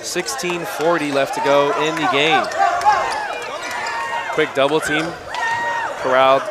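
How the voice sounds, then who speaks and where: A man calling live college basketball play-by-play in brisk, clipped phrases that rise on big plays. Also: a little high, steady tone. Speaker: play-by-play announcer. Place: college gym. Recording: loud crowd and gym noise.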